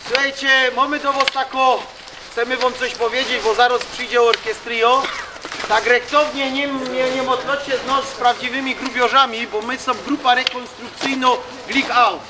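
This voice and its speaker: High-pitched man with a Silesian accent. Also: steady tone, moderate pace. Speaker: mining reenactment group member addressing visitors. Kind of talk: informal outdoor public talk in Silesian dialect. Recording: noisy outdoor ambience.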